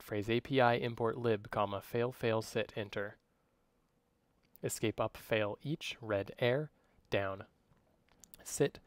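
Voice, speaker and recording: As part of a software demonstration, a man dictates code by voice, rattling off clipped strings of isolated command words. His pitch is medium and there's no echo.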